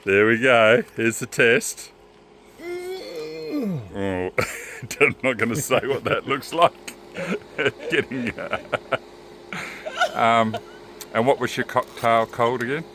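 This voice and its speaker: A man hosting a casual camping vlog at an outdoor campsite, relaxed and jokey, laughing often. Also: mid-range voice, slow, pauses often, a crowd in the background. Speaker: caravan vlog host.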